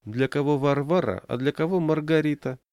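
A man plays a lazy, scornful wife who drawls her words, pitching his mid-range voice above his natural one in a lightly acted turn. His delivery is animated, a little fast and darkish in tone, recorded in a clean studio with no echo.

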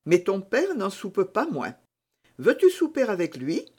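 A woman's voice: mid-range voice, wildly swooping pitch, a little slow, warm tone, husky, pitched above the performer's own voice, full character voice. Woman playing a young peasant woman, coaxing and teasing, lilting delivery. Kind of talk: audiobook character reading.

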